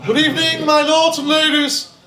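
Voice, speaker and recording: An actor plays a jovial, pompous music hall chairman on stage, delivering florid, projected announcements that savor every alliteration in a grandiose mood. His voice is extremely high-pitched with flat delivery at normal speed, recorded in a roomy theatre with faint background noise.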